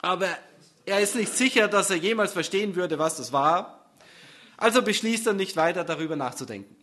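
Man, comic storyteller, high bright voice, dry wry delivery. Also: lively intonation, brisk. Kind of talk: comic narration.

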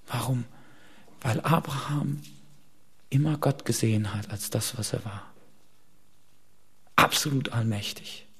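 A man preaching a sermon to his congregation, dropping to hushed whispers and rising to loud emphatic peaks. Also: fairly high pitch, slightly rough. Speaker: pastor.

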